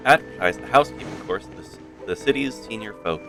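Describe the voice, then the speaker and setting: A man's voice: on the low side, animated, fast, music in the background. A man streaming a video game, commenting in a playful, exclamatory way. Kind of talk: casual gameplay commentary.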